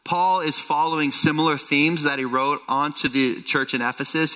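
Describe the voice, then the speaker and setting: A pastor preaches a sermon at a pulpit microphone, teaching earnestly and quoting scripture in a slightly high, bright, forceful voice. The church sanctuary gives a long hall reverb, and faint music can be heard.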